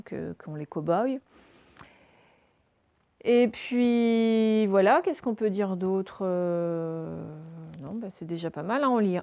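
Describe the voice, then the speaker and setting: A woman's voice: mid-range voice, vocal fry, no echo, lo-fi sound. A woman teaching reading and handwriting to young children remotely, recorded on a phone, explaining step by step with frequent hesitations. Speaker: primary school teacher.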